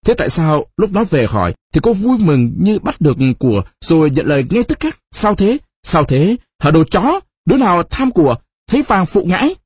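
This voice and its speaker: A husky-voiced man playing a jealous young lover who shouts and bites off each word in an audiobook. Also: high-pitched, big pitch swings, moderate pace, hardly any pauses, no room sound, muffled recording, pitched above the performer's own voice, heavily acted. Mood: accusing. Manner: shouting, spitting each word, teeth gritted. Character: young man, jealous and furious, then despairing.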